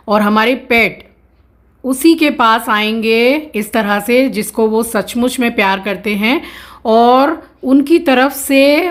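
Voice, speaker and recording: Earnest high-voiced woman vlogger. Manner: earnest, explaining pet care to viewers. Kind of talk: casual explanatory vlog talk. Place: home.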